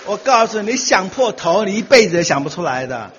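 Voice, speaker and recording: A man's voice: high voice, sing-song, fairly quick. A middle-aged man giving a humorous talk to an audience, telling stories animatedly, acting out quoted voices and laughing often. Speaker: speaker giving a talk on marriage. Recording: dull lo-fi sound with long hall reverb.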